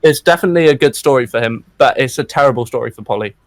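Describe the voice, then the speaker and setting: A man's voice: medium pitch, very fast, dry recording. A man co-hosting a podcast, chatting casually and restarting his thoughts often. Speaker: podcast co-host. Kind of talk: casual chat.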